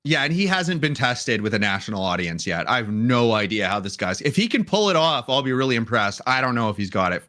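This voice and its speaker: A man co-hosting a political livestream with a bright, sharp voice. His pitch jumps around freely as he chats, jokes and wanders off topic. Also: sing-song, brisk, hardly any pauses. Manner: chatty, joking, wandering off topic. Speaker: livestream co-host. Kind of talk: casual political chat.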